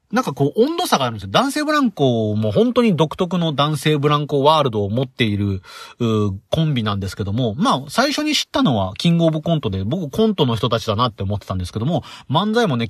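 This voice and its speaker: A man hosting a casual solo podcast, talking in an animated, rambling way with lots of fillers. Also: on the high side, no echo, clean studio sound. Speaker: podcast host.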